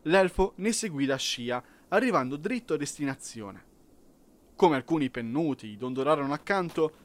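Man narrating a lively children's story. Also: a little high, slight background noise. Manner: expressive storytelling. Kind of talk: scripted audiobook narration.

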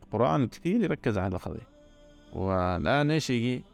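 A man's voice: mid-range voice, big pitch swings, fast, gravelly, faint music behind. A man giving an earnest religious talk, stressing points by repeating words. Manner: earnest, repetitive emphasis.

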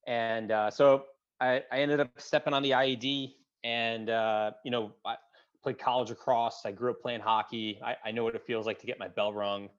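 A man in his thirties, a veteran guest in an interview, telling his story in a halting way with many fillers and restarts, his voice dropping low at emotional points. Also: fairly even intonation. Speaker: guest, combat-wounded veteran. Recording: dull, lo-fi sound.

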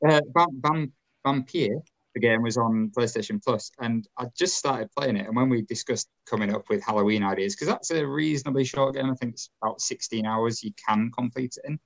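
A man's voice: mid-range voice, creaky, low-quality recording. A man with a Yorkshire accent, co-hosting a casual gaming podcast, rambling and laughing easily. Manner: rambling, chatty, quick to laugh. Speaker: podcast co-host.

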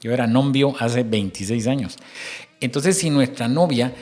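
A man's voice: mid-range voice, normal speed, darkish tone. Middle-aged male host, preachy. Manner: preachy, addresses listener directly, acts out little quotes.

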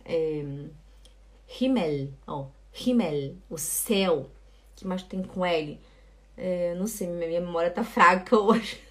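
A woman's voice: fairly low pitch, steady tone, a little slow, a bit bright. A woman teaching a live online German lesson, emphatically drilling the pronunciation of a letter and pleading with her students.

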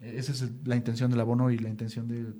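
A man with a Mexican accent, a sports club guest on a casual podcast, joking and animated. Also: medium pitch, very fast. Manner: joking, animated, self-mocking.

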